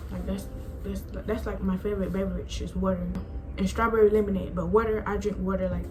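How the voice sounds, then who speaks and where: A woman's voice: mid-range voice, flat delivery, quick pace, background noise. An eighteen-year-old woman vlogging about herself in a rambling, chatty way, filling her talk with "like.". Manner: chatty, rambling, says "like" a lot. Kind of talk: casual talk to camera.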